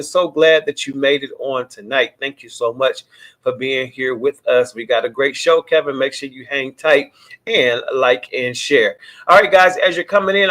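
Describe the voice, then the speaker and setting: A man's voice: a little high, a bit bright. Chatty man hosting a live show. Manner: casual, chatty, mimics people, greets viewers by name. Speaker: pastor and show host. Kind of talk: casual preaching talk on a live show.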